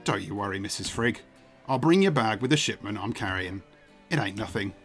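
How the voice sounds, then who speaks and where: A streamer voicing Yeppe, a gruff working ferryman who talks in a folksy way, says "ain't" and drops words, in a narrative video game. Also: sits low, animated, brisk, faint music behind, voice pushed down. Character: gruff working man, a ferryman hauling cargo.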